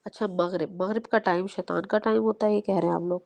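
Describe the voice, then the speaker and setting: A woman teaching a group of children in Urdu with an English-mixed Pakistani accent, explaining gently and often checking with them. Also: medium pitch, fairly even intonation, vocal fry. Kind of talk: lesson for children.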